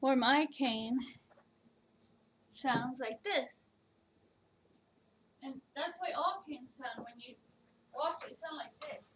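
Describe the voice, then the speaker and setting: A woman's voice: high voice, slow, pauses often, fairly bright tone, slight background noise. A woman casually chatting at home at her computer, rambling and hesitant, with many fillers and restarts. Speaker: vlogger reviewing virtual canes. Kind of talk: casual chat.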